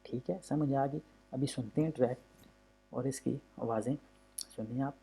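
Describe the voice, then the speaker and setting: Male language teacher, gravelly and mellow, patient and repetitive. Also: medium pitch, steady tone. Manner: patient, repetitive, often says "okay" between points; drawn-out demonstrations of vowel sounds. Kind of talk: explaining a textbook lesson.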